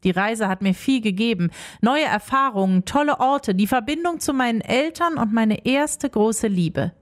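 A young woman narrating a first-person story in an expressive, emotional way. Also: on the high side, moderate pace. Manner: expressive, emotional, acts out dialogue.

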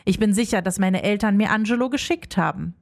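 A young woman narrating a first-person story in an expressive, emotional way. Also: mid-range voice, fairly quick, gravelly. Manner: expressive, emotional, acts out dialogue.

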